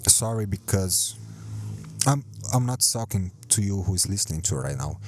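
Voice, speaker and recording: Here the solo podcaster's low voice is animated and moves at a normal speed. Recording at home, he rambles, mocks himself, curses frequently and says things twice, all into a close mic that occasionally gets too close.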